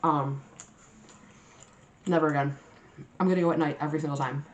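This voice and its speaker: A woman's voice: sits low, steady tone, a little fast, highs cut off, a little hiss or hum. A woman hosting a mukbang, chatting casually and slangily to viewers as she eats. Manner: eating messily while talking, mukbang style; sweary, slangy storytelling with acted-out quotes. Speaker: mukbang video host. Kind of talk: casual chat to viewers while eating.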